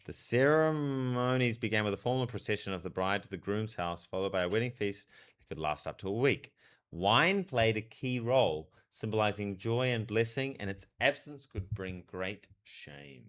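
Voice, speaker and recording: A man livestreaming a game and chatting casually with viewers, speaking with a strong lisp from wearing a retainer in an animated, slangy way. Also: fairly low pitch, normal speed. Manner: animated, slangy, talks to chat. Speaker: live streamer, theologian. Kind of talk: casual livestream chat over gameplay.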